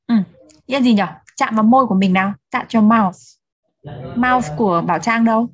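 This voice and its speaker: Patient teacher drilling children's words. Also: female voice, on the high side, no echo, muffled recording, soft background music. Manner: models words slowly for repetition, patient and encouraging. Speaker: English teacher. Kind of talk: children's English vocabulary drill.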